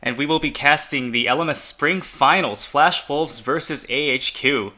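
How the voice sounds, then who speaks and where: A slightly high-voiced male esports caster, Chinese being his first language, announces players one by one in relaxed, chatty fan commentary. He speaks at normal speed, sounding pushed and bright.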